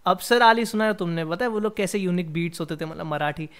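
A man's voice: high voice, fast, smooth, faint music behind. Chatty young man hosting a reaction video. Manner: energetic, chatty, mixes Hindi with English. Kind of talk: casual reaction commentary.

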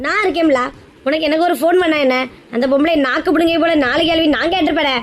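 Someone doing a brash young guy itching for a fight, kanyakumari accent, quick high voice. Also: slight background noise, close to an everyday voice. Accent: Kanyakumari Tamil. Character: hot-headed young husband, loyal friend.

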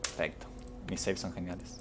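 A man's voice: low voice, flat delivery, moderate pace, a bit bright, soft background music. A young man, streaming a game, reading the game's text aloud and reacting with casual, sarcastic, swearing asides.

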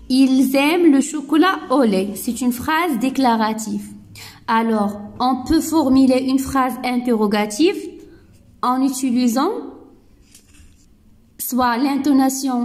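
A woman teacher with a Moroccan accent giving a grammar lesson, slowly and deliberately, repeating key words and mixing French with Moroccan Arabic. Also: a little high, a little mellow. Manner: switches between French and Moroccan Arabic while explaining. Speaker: primary school teacher.

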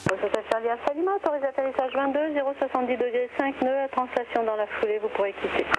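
An air traffic controller speaks in short, clipped instructions. The voice comes over a pilot headset radio, with clear noise around it. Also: sits high, fast talker, dull audio. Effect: aviation radio heard over a pilot headset. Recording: noisy aircraft radio.

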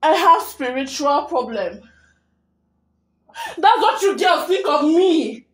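An actress playing a volatile young wife with a Nigerian accent, wailing and erratic in a film drama. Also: female voice, high voice, expressive, slow pace, reverberant. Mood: bitter. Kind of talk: Nollywood drama acting.

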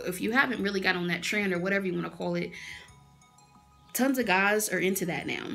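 A woman's voice: mid-range voice, vocal fry, fairly bright tone. A woman in her early twenties, talking straight to camera in a blunt, fired-up, swearing casual rant from a small room. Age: early 20s. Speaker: vlogger.

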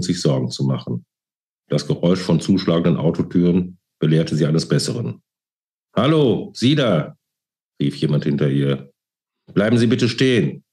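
A man, the author, giving a calm, measured reading from his novel. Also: sits low. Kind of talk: book reading.

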